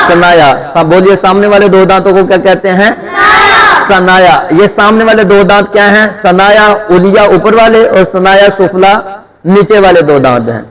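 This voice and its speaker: A man teaching Quran letter pronunciation, asking his students questions and answering them himself, drawing out each letter sound. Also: high-pitched. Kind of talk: Urdu tajweed lesson, call-and-response drilling. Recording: long hall reverb.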